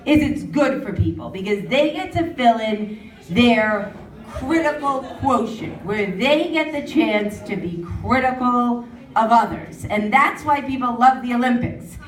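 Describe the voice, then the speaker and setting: A woman doing a stand-up comedy set at an open mic in a pub, animated and mocking as she talks. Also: on the high side, measured pace. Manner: animated, mocking voices of others. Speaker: stand-up comic. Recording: roomy pub sound from far off.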